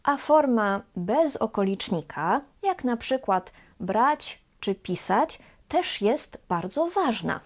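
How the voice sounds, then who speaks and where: Woman teacher going really slow, careful and deliberate, spelling out verb forms one by one. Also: a little high, sing-song. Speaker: Polish teacher. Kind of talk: language lesson.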